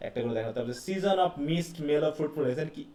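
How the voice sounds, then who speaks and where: A man's voice: fairly high pitch, expressive, brisk, mellow. A man teaching a live class, explaining step by step and asking his students questions. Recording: echoey classroom heard from a distance.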